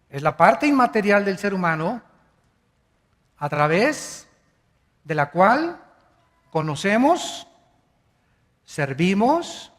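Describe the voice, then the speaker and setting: A man with a high voice preaches a teaching sermon, stressing key words and slowing down to spell terms out. He often puts questions to his listeners. His voice rings with long reverb through a church hall. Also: a bit bright. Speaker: pastor.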